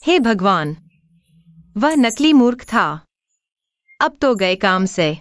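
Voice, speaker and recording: An actress dubbing a spirited, defiant young wife in a drama, teasing and scornful. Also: female voice, on the high side, animated, slow pace, no room sound. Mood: dismayed. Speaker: dubbed drama heroine. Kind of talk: Hindi drama dub.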